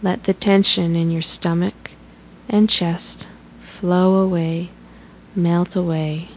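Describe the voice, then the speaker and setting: A woman leading a guided relaxation meditation in a slow, soothing, instructional way. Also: lowish voice, level tone, slight background noise, rough recording.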